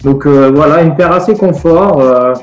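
A man's voice: on the high side, moderate pace, roomy sound, highs cut off, faint music behind. A man who is a regular on a chat show, talking casually over a video call with many fillers. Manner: easygoing, hesitant with fillers.

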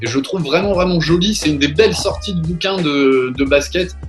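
A man hosts a relaxed talk show from a video call, his voice sitting a bit high. He fills his sentences with pauses and false starts as he gathers his thoughts. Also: music in the background. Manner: hesitant, many fillers and restarts. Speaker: radio show host. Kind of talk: casual chat over video call.

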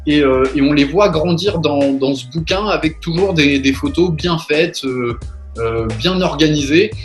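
A man hosting a radio chat show over a video call, talking casually with many pauses and restarts. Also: on the high side, faint music behind. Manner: hesitant, many fillers and restarts.

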